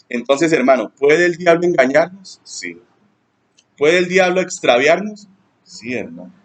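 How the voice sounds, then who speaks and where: A male pastor, preaching a sermon in an animated way and acting out church members in high mocking voices.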